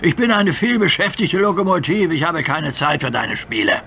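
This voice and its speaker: A man's voice: on the high side, moderate pace, vocal fry, pushed and bright, slight background noise, pitched above the performer's own voice. A man voicing a big, proud male express engine who talks down to others. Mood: haughty. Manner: pompous, dismissive.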